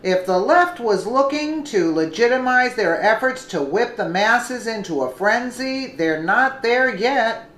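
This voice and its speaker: A woman hosting a news commentary segment, reading her script deliberately and correcting herself now and then. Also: on the high side, animated, fairly bright tone, reverberant, low-quality recording. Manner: slow, deliberate reading with an occasional self-correction.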